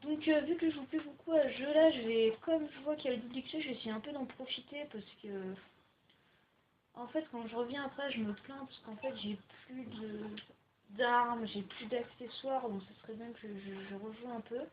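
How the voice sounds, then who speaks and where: A young woman talks through a game as she plays, rambling and chatty, with frequent filler words. Her voice sits a little high. The home mic sounds slightly muffled and lo-fi, with a faint hiss underneath. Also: moderate pace. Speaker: gaming video maker. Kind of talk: casual gaming commentary. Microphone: home computer microphone.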